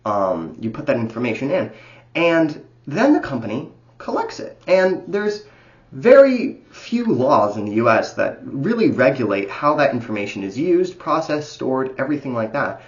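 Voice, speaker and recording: A man in a loose, unscripted monologue, his middle-pitched voice swinging up and down with lively expression. He rambles and circles back, full of fillers and casual swearing. The recording is somewhat dull and lo-fi. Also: moderate pace. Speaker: commentator on data privacy.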